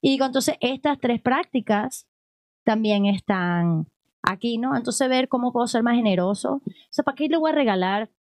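A woman's voice: a little high, normal speed, no echo. Chatty woman musing on faith. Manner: animated, rambling, frequent "o sea" and "¿ok?". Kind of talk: casual religious conversation.

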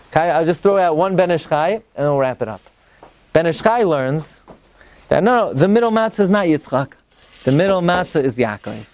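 A man with giving an animated religious class as a rabbi, emphatically posing questions and answering them. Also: fairly high pitch. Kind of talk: animated Torah lecture.

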